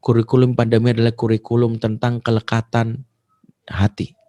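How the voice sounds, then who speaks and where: Man, Islamic preacher, parenting sermon, emotive, acts out quotes, mid pitch. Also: completely flat delivery, moderate pace, dark tone.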